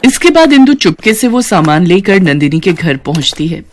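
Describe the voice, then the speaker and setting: A woman narrating a cartoon story in a calm, even telling. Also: lowish voice, moderate pace, a little hiss or hum.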